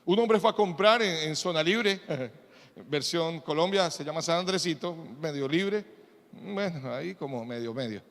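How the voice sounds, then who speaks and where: A man preaching as a pastor in a church, animated and telling humorous anecdotes. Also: on the high side, normal speed. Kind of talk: sermon. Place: church in Panama. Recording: echoey church hall.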